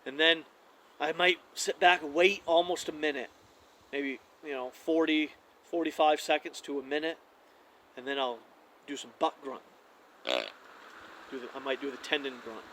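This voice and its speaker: A man giving a casual how-to demonstration of hunting calls, talking in a relaxed, conversational way with frequent fillers and restarts. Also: on the high side, normal speed, a little hiss or hum, poor audio.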